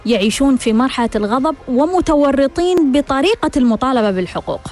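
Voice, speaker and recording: A woman's voice: sits high, animated, fast, music in the background. A woman hosting a self-help show, giving a scripted monologue in which she asks questions and answers them herself.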